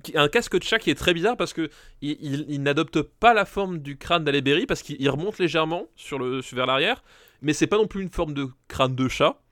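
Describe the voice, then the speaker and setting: A man co-hosting a film podcast in casual chat, animated and stumbling over repeated words as he complains. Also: on the high side, brisk, no echo, studio quality. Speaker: podcast co-host.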